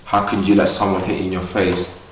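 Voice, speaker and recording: Young guy from ghana, deep voice, upbeat, echoey gym, sounds a bit away from the mic. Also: level tone, fairly quick, recorded from a distance, a little hiss or hum. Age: young adult. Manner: earnest, upbeat, talks freely. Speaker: boxer, interview guest. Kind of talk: casual interview. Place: boxing gym.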